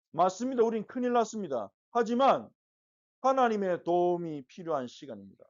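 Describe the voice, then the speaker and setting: A woman teaching a Bible lesson to children, telling the story with lively questions to the kids. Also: fairly high pitch. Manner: animated storytelling, asks the kids questions and acts out quotes. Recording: muffled lo-fi recording.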